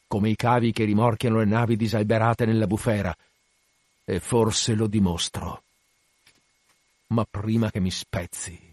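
A man's voice: mid-range voice, breathy edge, no room sound, studio quality. A man voicing an obsessed, one-legged old whaling captain in a dramatic reading, commanding and declamatory.

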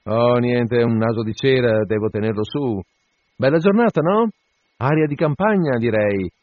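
Brash sailor bellowing jokes, as a male reader puts him on, pitched high and bouncy, dull lo-fi sound. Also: animated, normal speed, no echo, close to an everyday voice. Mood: mocking, jovial. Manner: loud, teasing, shouted banter. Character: brash jovial sailor mate, loud and mocking. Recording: dull lo-fi dry recording.

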